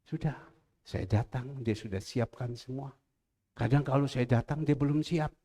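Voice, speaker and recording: A man preaching a sermon as pastor, swinging between loud, emphatic lines and hushed asides and repeating key phrases for emphasis. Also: mid-range voice, moderate pace.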